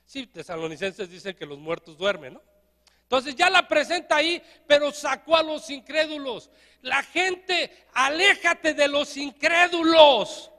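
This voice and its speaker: A man with a Mexican accent, a pastor giving a lively, joking sermon and having the congregation repeat phrases after him. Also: extremely high pitch, a little slow, in a large hall. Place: church.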